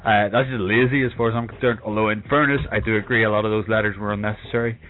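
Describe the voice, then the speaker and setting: A man's voice: lowish voice, fairly even intonation, racing. A man with an Irish accent chatting casually and swearing freely as a podcast co-host about games. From England. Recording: tinny phone-like voice call, music behind.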